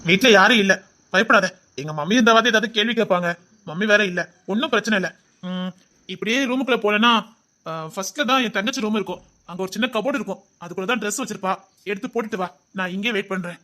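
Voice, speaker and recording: A woman voicing a scheming young rich college man in an audio drama, who talks gently and soothingly to win a girl's trust. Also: medium pitch, quick pace, lightly acted. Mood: coaxing. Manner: soft, coaxing, falsely reassuring. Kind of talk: Tamil audio drama acting.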